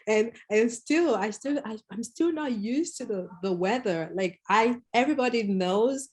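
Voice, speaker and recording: A woman's voice: fairly high pitch, lively intonation, measured pace, a little mellow. A woman from Nigeria, co-hosting a podcast in casual chat, telling stories emphatically and laughing often. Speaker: podcast co-host.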